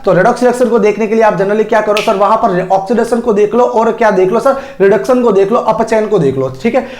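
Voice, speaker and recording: A man lectures on chemistry in a fairly high voice. He keeps firing questions at his students and answering them himself, with everyday comparisons. The sound is roomy and echoey. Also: fast, darkish tone, a little hiss or hum. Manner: homely Hindi analogies, calls students sir. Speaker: chemistry teacher. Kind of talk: classroom lecture. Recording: echoey room.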